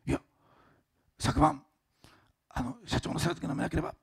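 A nervous, earnest young employee voiced by a man in a hushed, breathy half-whisper. The voice stays gravelly and husky underneath, rising high on formal lines. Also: big pitch swings, moderate pace, full character voice.

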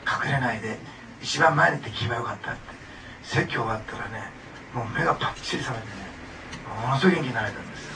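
A man preaching a sermon, talking to the congregation in a conversational way, laughing often and asking them questions. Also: mid-range voice. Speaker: pastor. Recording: distant mic with clear background noise.

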